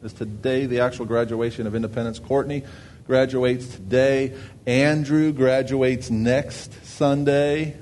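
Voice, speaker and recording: A man's voice: mid-range voice, steady tone, a little slow, darkish tone, slight background noise. A man, a pastor, giving announcements and a sermon in a conversational way, thinking aloud with fillers and restarts.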